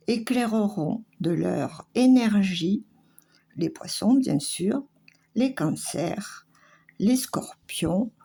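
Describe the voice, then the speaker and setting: A woman giving a weekly astrology forecast, speaking in a slow, halting way with pauses and fillers. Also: medium pitch, gravelly, warm tone, husky.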